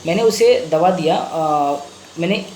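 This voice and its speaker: A man's voice: on the high side, slow, a little mellow. A male homeopathic doctor presenting a patient case in a casual talk, switching between Hindi and English and retelling a patient's words. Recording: roomy echo, faint background noise.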